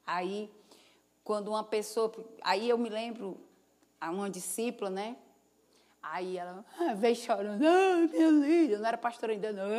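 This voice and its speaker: A woman's voice: mid-range voice, steady tone, normal speed, a little mellow. A woman pastor preaching a sermon to her congregation, telling stories in a folksy, chatty way and calling out for amens. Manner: call-and-response, asking the congregation "Amém?"; folksy, chatty storytelling with asides. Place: church service before a congregation.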